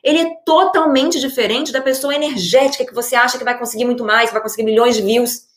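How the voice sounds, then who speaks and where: Energetic Brazilian woman, high voice. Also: fast talker, roomy sound. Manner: energetic and expressive. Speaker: online creator and entrepreneur. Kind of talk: motivational talk to the audience.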